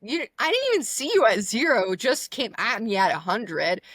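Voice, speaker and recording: A woman's voice: on the high side, normal speed, no echo. Young woman, casual comic storytelling, lots of "like", dry close sound. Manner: animated, lots of "like", acts out dialogue. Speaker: guest comedian.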